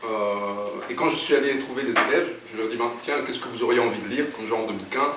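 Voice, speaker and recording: Belgian author reading aloud in an echoey room. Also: male voice, fairly quick. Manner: lively reading, raises pitch for characters. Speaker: author reading his novel. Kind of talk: author talk and book reading. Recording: echoey room, distant mic, faint noise.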